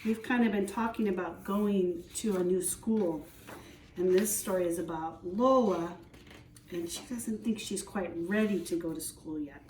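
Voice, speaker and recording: A woman teacher reads a picture book aloud, breaking off for conversational asides to young listeners. She speaks a little slowly in a mellow, lowish voice, sitting away from the mic in a roomy, echoing space with slight background noise.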